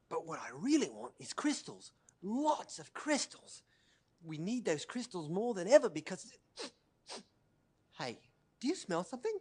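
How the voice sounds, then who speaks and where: A woman's voice: medium pitch, mellow, slightly rough, full character voice. A woman voicing a boastful, goofy male bandicoot hero who keeps whooping and wisecracking.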